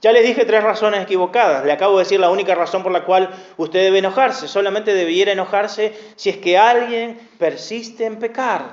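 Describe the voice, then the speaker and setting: A pastor delivers an earnest sermon and keeps calling his listeners brother and sister. His voice sits fairly high for a man. The sound is dull and rings through a reverberant church hall. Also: fairly quick, hardly any pauses. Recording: echoey, dull church recording.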